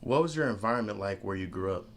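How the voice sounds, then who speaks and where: A man interviewing, reading out scripted questions briskly. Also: lowish voice, lively intonation, a little hiss or hum.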